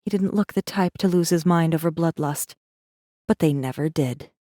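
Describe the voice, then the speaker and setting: In this dramatic first-person audiobook narration, a deep, dark female voice plays a wary rebel messenger recounting her story. She reads tensely and with measured drama, a haunted mood hanging over it, and the close, very dry recording has no room sound.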